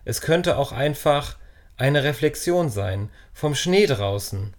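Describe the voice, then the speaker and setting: A man's voice: mid-range voice, expressive, slow. A man voicing a nerdy, rational schoolboy in a storybook reading, explaining things matter-of-factly.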